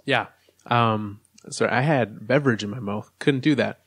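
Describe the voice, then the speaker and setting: A man's voice: mid-range voice, fairly quick, slightly rough, dry recording, studio quality. A man co-hosting a casual sports podcast, laying out his arguments step by step. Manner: analytical, lays out arguments step by step. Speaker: podcast co-host.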